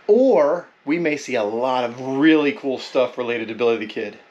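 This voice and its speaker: A man's voice: medium pitch, animated, normal speed, darkish tone, lo-fi sound. A man hosting a vlog, chatting casually with playful, joking banter. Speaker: vlog host. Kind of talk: casual chat.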